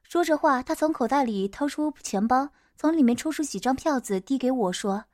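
A woman narrating a first-person story in a steady audiobook manner. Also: high voice, moderate pace, no echo, studio quality.

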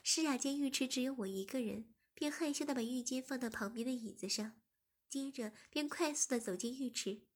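Woman, high voice, story narration, soft, even. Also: brisk. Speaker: story reader. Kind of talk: scripted narration.

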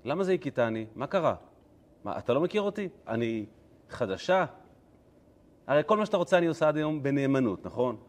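A man voicing an indignant female donkey who nags and scolds her rider in a loud, shrill, exasperated voice. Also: big pitch swings, pauses often, close to an everyday voice.

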